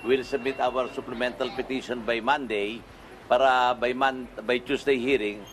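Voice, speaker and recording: An older man, a transport group leader, answering reporters in a quick, matter-of-fact way. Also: medium pitch, fairly even intonation, a bit bright. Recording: clear background noise.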